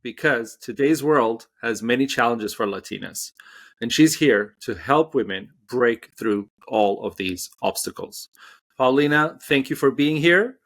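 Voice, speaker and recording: A man's voice: mid-range voice, expressive, a little slow. A man hosting a podcast on social issues, introducing his guest and responding in an affirming way with a few hesitant restarts. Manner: warm, affirming, with some ums and hesitant restarts. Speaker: podcast host.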